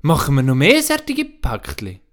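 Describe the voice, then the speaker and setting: A man voicing an eager little girl in a children's story, with a high, bright way of talking. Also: huge pitch swings, unhurried. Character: cheerful little village girl.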